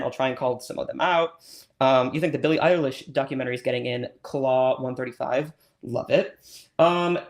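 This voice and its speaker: A man's voice: fairly high pitch, lightly acted. A man playing a scatterbrained, over-eager host of an awards-predictions livestream, who rambles and gushes with lots of ums and restarts.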